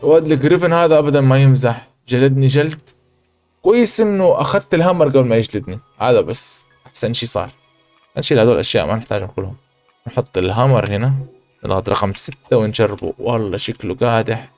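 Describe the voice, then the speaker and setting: A man, hosting a gaming channel, chatting through his gameplay and breaking into excited exclamations. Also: medium pitch, fast, soft background music. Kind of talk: let's play commentary.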